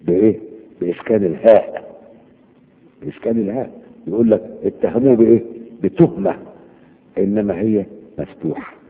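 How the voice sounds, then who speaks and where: A low-voiced Egyptian man teaches Quranic vocabulary, pausing to quiz his listeners. His voice is gravelly. The recording is tinny and narrow, with a long hall echo trailing each word. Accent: Egyptian Arabic. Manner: quizzing listeners with repeated questions. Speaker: religious teacher. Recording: tinny phone-like audio with long hall reverb.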